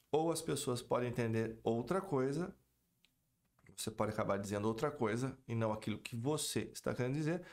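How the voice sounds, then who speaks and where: A man's voice: mid-range voice, darkish tone. A man teaching an English pronunciation lesson, drawing out and repeating example words. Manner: slow, drawn-out example words, repeated several times.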